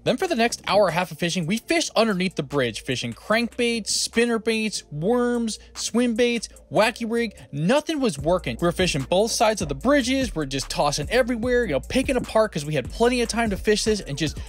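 A man's voice: high-pitched, brisk, hardly any pauses. A man in his thirties hosting a fishing vlog, narrating upbeat and whooping when he lands a fish. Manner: upbeat, excited whoops on catches. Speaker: fishing vlogger. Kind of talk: voice-over narration and live reactions. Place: small fishing boat on a river outdoors.

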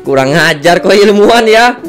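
A man giving excitable let's-play commentary as a gaming channel host, yelping and shouting at the game as he plays. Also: high-pitched, moderate pace. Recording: game music playing behind.

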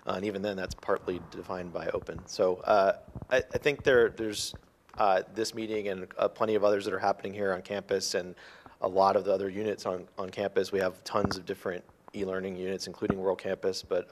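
Low-voiced man on a panel. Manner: hesitant, many restarts and fillers. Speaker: panelist, lead faculty. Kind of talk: panel discussion.

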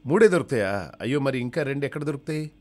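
A man's voice: a little high, lively intonation, fairly quick, a bit bright, voice pushed up. A man voicing an anxious, simple male patient who pleads. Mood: pleading anxious. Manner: pleading, flustered.

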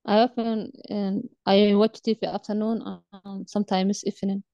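A woman from Somalia answers test questions in short, halting sentences, her voice flat and mellow. The sound is dry and slightly dull. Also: medium pitch, no echo. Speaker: test candidate. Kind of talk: mock exam answers.

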